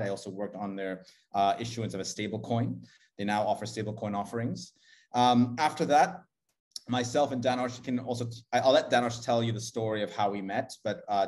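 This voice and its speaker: A man's voice: on the low side, a little mellow. A man from Mauritius answering interview questions in a businesslike way, with frequent "uh" fillers. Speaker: guest, co-founder.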